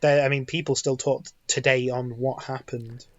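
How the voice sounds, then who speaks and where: A man's voice: medium pitch, little pitch movement, normal speed, dry recording, muffled recording. A man co-hosting a podcast in casual chat, rambling and restarting his sentences often. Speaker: podcast co-host.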